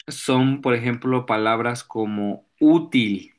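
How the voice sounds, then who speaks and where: Slow, deliberate male teacher. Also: medium pitch, a bit bright. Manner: slow, searching for examples, frequent throat clearing and fillers. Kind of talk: virtual class lesson.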